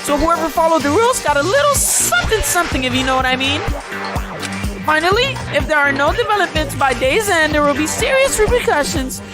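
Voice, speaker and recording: High-pitched, gleeful killing game announcer. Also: female voice, sing-song, music in the background. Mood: taunting glee. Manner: theatrical, drawn-out game announcer delivery. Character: gleeful, taunting killing game announcer, sing-song and theatrical.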